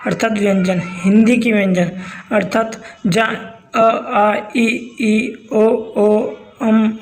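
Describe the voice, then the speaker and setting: A man's voice: sits high, a little mellow, poor audio. A man teaching a grammar lesson, who poses questions and answers them himself and keeps checking in with his listeners.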